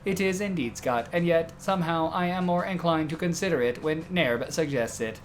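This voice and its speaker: A literal-minded robot voiced by a man for a tabletop game. He speaks in stilted, formal phrases with pedantic deadpan, over faint background music. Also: on the high side, normal speed, lightly acted. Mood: stilted pedantry. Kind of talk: in-character tabletop game role-play.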